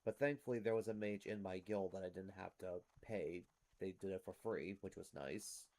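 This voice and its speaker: A man's voice: deep voice, normal speed, a little mellow. A man hosting a gameplay series, explaining things to viewers in casual commentary. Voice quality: rough smoker's-type cough.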